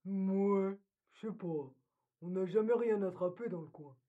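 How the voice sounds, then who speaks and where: A woman's voice: mid-range voice, measured pace, narrow, tinny audio, natural voice. A woman voicing a skeptical male hunter who mutters his doubts. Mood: doubtful.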